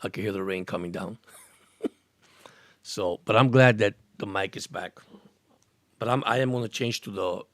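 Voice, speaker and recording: A man of about sixty, originally from Cuba and raised in Miami, chats casually on a sports live stream, replying to viewer comments with earnest rambling, repeated words and restarts. His lowish voice keeps a moderate pace and pauses often. The studio-mic audio is clean, with no echo.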